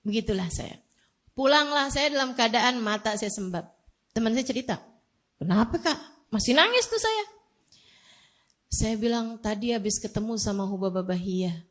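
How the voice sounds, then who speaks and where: High-voiced woman preacher telling stories. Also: normal speed, long pauses. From Indonesia. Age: 40s. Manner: animated, self-mocking storytelling with laughs. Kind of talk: storytelling religious talk.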